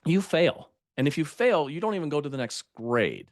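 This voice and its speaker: A man's voice: a little high, sing-song, normal speed, no echo, clean studio sound. An older man speaking as a podcast guest, telling stories in an emphatic way and laughing at himself. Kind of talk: conversational interview.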